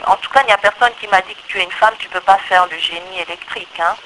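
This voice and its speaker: Speaking fast with a medium pitch and a pushed, bright tone, this thirtysomething woman from the Democratic Republic of the Congo has a Congolese accent. She's an electrical engineer being interviewed, explaining her opinions in a chatty way and restating points to stress them. The recording is rough, with slight background noise.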